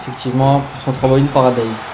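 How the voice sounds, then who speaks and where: Casting: male wrestling play-by-play commentator, exclamatory, middle-pitched, with clear noise behind the voice. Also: level tone, quick pace. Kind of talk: play-by-play wrestling commentary of a video game match.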